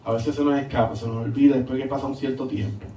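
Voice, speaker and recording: Pastor, male, middle-aged; lilting, animated sermon delivery; echoey sanctuary, picked up from a distance. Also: mid-range voice, fast, a little hiss or hum. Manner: sing-song, animated preaching with rhetorical questions. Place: church sanctuary. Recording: echoey church hall, mic at a distance.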